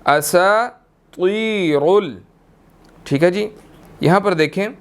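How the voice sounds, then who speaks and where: A man's voice: a little high, animated. A young man teaching how to recite a scripture, chanting each verse and then explaining the pronunciation rules patiently, step by step. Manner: patient step-by-step explaining, often checking in with "okay"; drawn-out melodic chanting when reciting verses.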